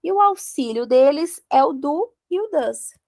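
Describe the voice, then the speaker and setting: A woman's voice: sits high, expressive, vocal fry, a little mellow, dry recording. A woman with a Brazilian Portuguese accent teaching an English grammar lesson, joking around and drilling verb forms one by one. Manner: playful, jokey, drills conjugations slowly one by one.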